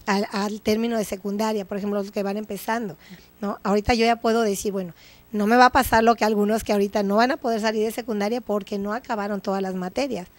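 A woman's voice: medium pitch, fairly even intonation, fast, no echo. A woman with a Mexican accent, a guest psychologist on an educational TV show, talking in a teaching way and often checking in with her listeners. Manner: didactic, checks in with tag questions. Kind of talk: educational TV talk.

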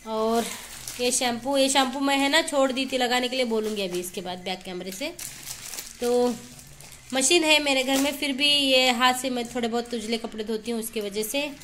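A woman's voice: fairly high pitch, normal speed, a bit bright, slight background noise. Chatty woman vlogging from her kitchen. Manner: chatty, rambling, homely, frequent laughs. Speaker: vlogger, mother. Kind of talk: casual home vlog. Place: small home kitchen, indoors. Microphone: phone held at arm's length.

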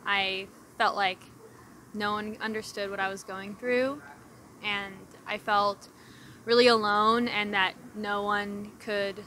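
A woman's voice: medium pitch, sharp tone, slight background noise. A young woman giving an earnest, thoughtful answer in a street interview. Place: outdoor city street.

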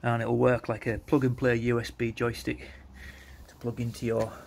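A man shows off a product on an informal walkaround in a concrete yard by some outbuildings, filming on a handheld phone from behind the camera. He is matter-of-fact and a little hesitant. His mid-range voice is creaky and darkish, completely flat, at normal speed, with slight background noise.

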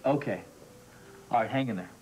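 A man acting in a daytime soap opera as a lawyer with a smooth, placating way of talking. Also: mid-range voice, normal speed, background noise, close to an everyday voice.

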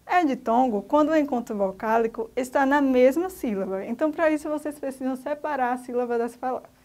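A woman teacher with a Brazilian accent gives a slow, didactic grammar lesson to children and spells out letters one by one. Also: high voice, darkish tone. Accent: Brazilian Portuguese.

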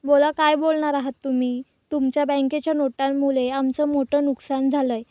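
A woman voicing a bold young woman who loudly accuses a bank, in her own high voice. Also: level tone, normal speed, no echo, close to an everyday voice. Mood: angry. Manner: loud, accusing. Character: bold young woman staging an angry scene.

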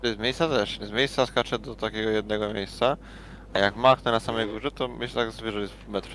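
A man's voice: lowish voice, steady tone, brisk, fairly bright tone, slight background noise. A man chatting casually with a friend while they play, swearing offhandedly and thinking aloud. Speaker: co-op gaming partner. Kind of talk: casual gaming chat.

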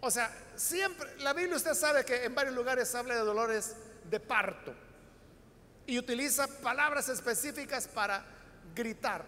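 A Salvadoran pastor with a strikingly high, bright voice teaches from the Bible, stopping often to ask his listeners rhetorical questions. His words ring out with a long reverb, as if he is preaching in a large church hall. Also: measured pace, a little hiss or hum. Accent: Salvadoran Spanish. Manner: explanatory, addresses the congregation with rhetorical questions. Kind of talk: Bible study sermon.

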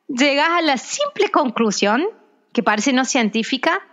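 A woman with an Argentine Spanish accent speaks in a fairly high voice, earnest and reflective, and often circles back over her own words. The audio is a little dull and muffled, as if it came over a remote call. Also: animated, measured pace, fairly bright tone. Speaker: guest, kinesiologist and trainer. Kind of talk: casual podcast conversation.

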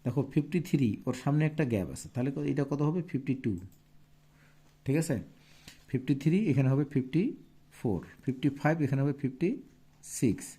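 A man's voice: medium pitch, a little fast, long pauses, dark tone, husky. Male tutor spelling words letter by letter. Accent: Bangladeshi Bengali. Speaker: teacher. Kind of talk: classroom lesson.

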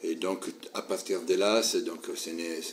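A man from Southern Italy speaking French with an Italian accent, answering interview questions with many pauses and restarts. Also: low-pitched, fairly even intonation, slight background noise. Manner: hesitant, many fillers and restarts. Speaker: guest interviewee. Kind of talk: casual interview.

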